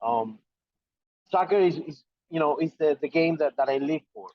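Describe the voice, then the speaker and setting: A man with an Ecuadorian Spanish accent talks about soccer over a video call. His voice sits a little high, and it comes through a dull, lo-fi line. The sound is dry and close, with no room around it. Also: expressive, normal speed, dry recording. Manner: repeats words, friendly and self-assured. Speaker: soccer correspondent guest. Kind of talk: casual podcast chat.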